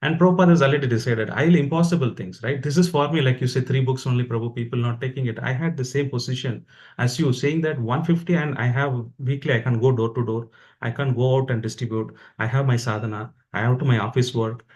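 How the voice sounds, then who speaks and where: A man's voice: mid-range voice, fairly even intonation, fast, a little mellow. Indian-accented man giving an earnest devotional talk. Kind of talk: informal religious motivational talk.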